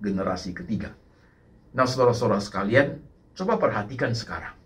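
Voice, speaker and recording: A male pastor preaching a sermon in an animated way, slipping English words in and often turning to address the congregation. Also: lowish voice, fairly quick. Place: church service.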